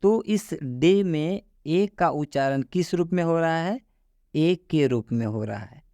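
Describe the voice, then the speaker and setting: Slow, clear-voiced male pronunciation teacher. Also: fairly high pitch, animated, dark tone, no echo. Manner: spells sounds out slowly and repeats key words. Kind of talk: slow explanatory lesson.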